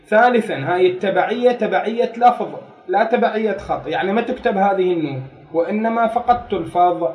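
A man lectures on grammar in a fairly high voice, moving step by step through a text. He repeats key phrases and poses rhetorical questions to the class. The sound is roomy and echoey, picked up from a distance. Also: lively intonation, a little fast, a little mellow. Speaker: grammar teacher.

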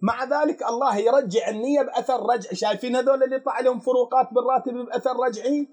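A man with an Iraqi accent teaches a religious law lesson in a very high voice. His tone is husky and breathy. He keeps putting questions to his listeners and then answering them himself. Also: steady tone, rapid-fire, darkish tone. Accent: Iraqi Arabic.

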